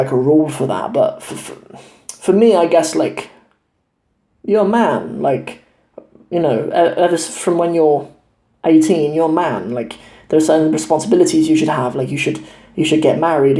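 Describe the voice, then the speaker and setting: Young male channel host, halting casual Q&A delivery, warm tone, lapel mic in a reverberant room. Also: a little high. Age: 20s. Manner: hesitant, many fillers and restarts. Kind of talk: casual Q&A talk to camera. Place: his home in Cornwall.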